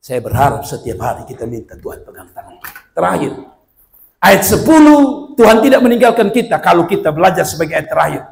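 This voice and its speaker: A male pastor, preaching a sermon that swings from quiet murmurs to loud shouted peaks and acts out the voices in his stories. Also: high voice, big pitch swings, a little fast, gravelly.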